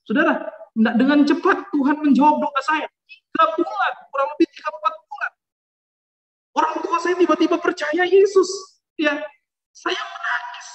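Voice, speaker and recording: A man's voice: extremely high pitch, moderate pace, muffled recording. Fervent preaching man in an echoey hall. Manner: fervent, keeps addressing the listeners directly, swings between loud and soft. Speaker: preacher giving a conversion testimony. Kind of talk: impassioned sermon testimony.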